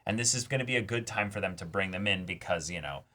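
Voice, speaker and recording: Co-hosting an anime reaction channel, a man with a deep, sharp voice talks fast in a casual reaction discussion. He sounds like an eager fan, emphatic and enthusiastic.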